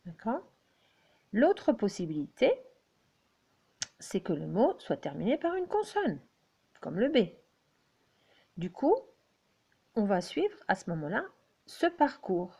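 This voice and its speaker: Slow, patient woman teacher. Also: mid-range voice, wildly swooping pitch, gravelly, warm tone, slightly rough. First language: French. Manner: slow, patient, checks in with "d'accord?". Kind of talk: explaining at a whiteboard. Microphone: handheld camera.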